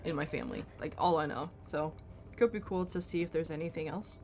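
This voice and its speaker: Casting: laid-back woman on a game stream, somewhat low voice, faint hiss behind. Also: brisk. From Denmark. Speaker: gamer on a stream. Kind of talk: casual gaming chat.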